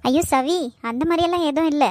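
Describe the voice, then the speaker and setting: A woman voicing a gentle, dutiful young woman in a cartoon, speaking softly and meekly. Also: high voice, quick pace, no echo, studio quality, lightly acted. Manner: soft, meek.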